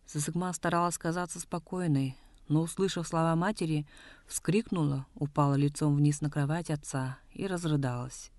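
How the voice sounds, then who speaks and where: Steady reader narrating a novel, dry sound. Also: mid-range voice, no echo. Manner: steady, measured storytelling reading. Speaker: audiobook narrator. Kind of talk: scripted literary narration.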